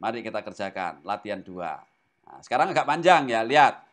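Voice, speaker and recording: A man's voice: lowish voice, fairly quick. A man teaching a Greek language class who keeps quizzing his students. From Indonesia. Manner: animated, asks the class questions often. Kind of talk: classroom lesson.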